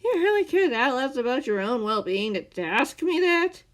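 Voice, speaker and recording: In a storybook reading, a woman voices a gruff, short-tempered captor who angrily snaps and growls at full volume. His pitch swings widely along with his temper, though his speed stays normal.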